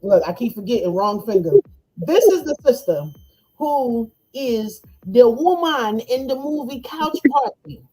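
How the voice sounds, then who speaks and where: Animated woman podcast host, lively banter. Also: on the high side, unhurried, poor audio. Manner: loud, laughing, animated banter. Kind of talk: casual chat. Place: home, eating on a livestream.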